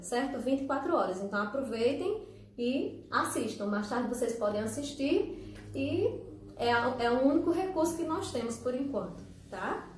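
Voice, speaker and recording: A woman hosting a casual live stream as a teacher. She is chatty, laughs often and talks straight to her viewers. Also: fairly high pitch. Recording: echoey room, far from the mic.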